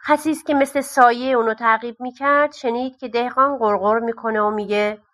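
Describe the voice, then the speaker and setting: A woman narrating a folk-tale audiobook in an animated, expressive way. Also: on the high side. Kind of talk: storybook narration.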